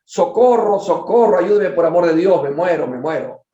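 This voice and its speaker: Man putting on a frightened dying old man, shouting for help, dark tone, echoey lo-fi room. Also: medium pitch, fairly quick, close to an everyday voice. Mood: panicked. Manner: shouting in panic. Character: gravely ill older man crying for help.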